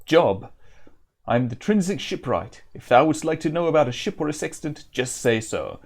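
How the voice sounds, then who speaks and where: A man voicing a gruff old sailor and shipwright from a fantasy game, with archaic seafaring talk. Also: on the high side, very animated, normal speed, voice pushed up. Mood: gruff, businesslike.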